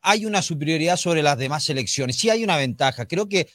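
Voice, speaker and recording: A man, a former player working as a football pundit, speaking in a measured way and repeating short words as he thinks. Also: a little high, lively intonation, fairly bright tone, dry recording. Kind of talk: studio sports panel discussion.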